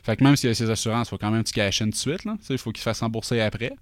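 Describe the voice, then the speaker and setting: A middle-aged man with a Québécois accent tells a rambling story in an animated, offhand way, packing it with fillers and quick asides. His voice is smooth and clear, recorded close and dry with no room sound. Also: lowish voice, dry recording. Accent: Québécois French. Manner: animated anecdote-telling with many fillers and asides. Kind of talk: casual chat.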